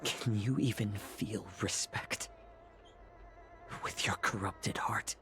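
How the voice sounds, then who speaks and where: Brooding fox healer. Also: male voice, fairly low pitch, faint music behind. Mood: defiant. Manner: slow, quiet, reflective. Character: weary fox healer, young man, calm and brooding. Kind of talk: video game voice acting.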